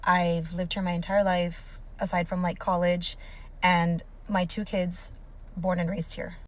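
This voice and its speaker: A woman's voice: on the low side, level tone, a little slow. A woman from Hawaii telling her own story in a candid, blunt way, swearing casually as she goes. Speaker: storytime TikTok creator.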